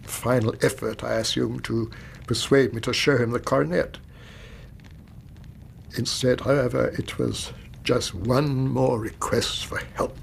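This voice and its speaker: Here a man with a gravelly, steady, medium-pitched voice performs a BBC radio drama role: an anxious older British banker, upright and a weary father. His troubled account comes out formal, measured and distressed, with a touch of hiss or hum in the recording.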